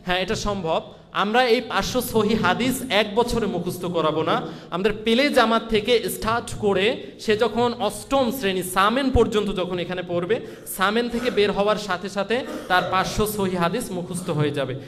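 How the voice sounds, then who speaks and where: A man's voice: high-pitched, moderate pace, a bit bright, in a large hall. A man explaining a school's curriculum, talking hesitantly and mixing in English phrases. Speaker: school representative.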